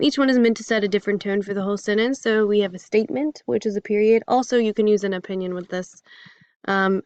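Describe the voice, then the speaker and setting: A woman's voice: medium pitch, no echo, dull audio. A woman teaching a casual grammar lesson in a chatty, upbeat way, with fillers and jokey examples.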